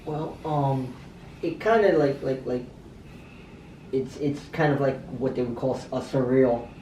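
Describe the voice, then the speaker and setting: Halting, mellow-voiced man in an echoey room. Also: medium pitch, far from the mic. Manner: halting, repeats words. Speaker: fighter in training. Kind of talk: casual interview answers. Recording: echoey room, off-mic, faint background noise.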